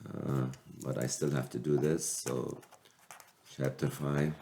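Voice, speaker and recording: Sick with a cold, a male math teacher records a calculus lecture, explaining each step slowly and haltingly, often restarting. His bass voice is mellow with vocal fry and little pitch movement, and there's a slight hiss or hum.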